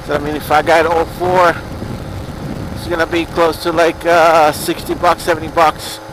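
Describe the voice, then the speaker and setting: Loud wind and engine noise surround a man talking inside a helmet as he rides. His voice sits fairly high, and he chats casually in the style of a motorcycle vlog. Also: level tone, moderate pace. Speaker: motorcycle vlogger. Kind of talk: casual spoken vlog while riding. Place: outdoors on a moving motorcycle. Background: strong wind, motorcycle engine.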